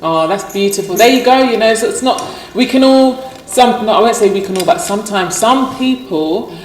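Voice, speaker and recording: A woman's voice: mid-range voice, expressive, moderate pace. A woman hosting an interview, chatty and openly emotional. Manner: chatty, emotional, laughs often. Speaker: interview host. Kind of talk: casual chat. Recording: echoey room, distant mic, faint noise.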